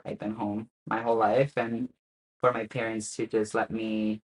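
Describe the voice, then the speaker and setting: Speaking in a casual interview, a young Spanish guest with Spanish as his native tongue shares his story over a rough-sounding recording. His pitch sits fairly low and his speed is normal. He comes across as easygoing yet hesitant, peppering his speech with "uh" and quiet laughter.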